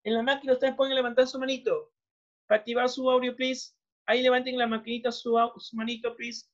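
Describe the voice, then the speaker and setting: A woman's voice: fairly high pitch, little pitch movement, quick pace. A woman with a Peruvian Spanish accent teaching English in an online class, mixing Spanish and English and repeating words of praise. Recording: muffled video call audio.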